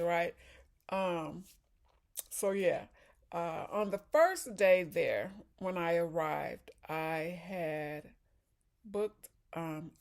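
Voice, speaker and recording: A woman's voice: lowish voice, darkish tone. A woman from Chicago chatting casually in a vlog, talking while eating and sipping a drink. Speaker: vlogger. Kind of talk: casual chat.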